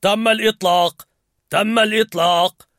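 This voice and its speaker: A man's voice: a little high, lively intonation, normal speed, sharp tone, dry recording, clean studio sound, heavily acted. A man voicing the father's Fear as a soldier reporting to his commander. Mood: alert. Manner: crisp military reporting.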